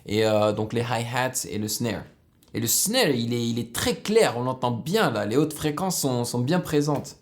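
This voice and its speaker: Excitable man reacting to a track. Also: mid-range voice, normal speed. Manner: excitable, bursts into exclamations; explains music production casually with fillers. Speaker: music video reactor. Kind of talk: casual reaction commentary.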